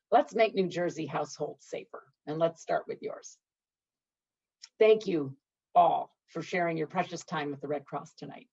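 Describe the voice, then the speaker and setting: A woman's voice: lowish voice, lo-fi sound. A woman hosting a virtual event who gives a polished, upbeat scripted address to the audience. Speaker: event host.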